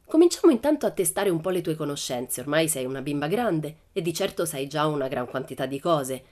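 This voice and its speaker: A woman voicing a patient, prim female schoolteacher in a storybook reading, measured and instructive. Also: deep voice, sing-song, a little mellow.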